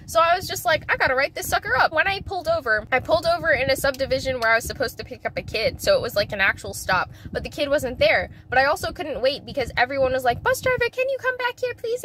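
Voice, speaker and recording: A woman telling a story in casual chat, animated and acting out quoted dialogue with lots of filler words. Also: high voice, a little hiss or hum, low-quality recording.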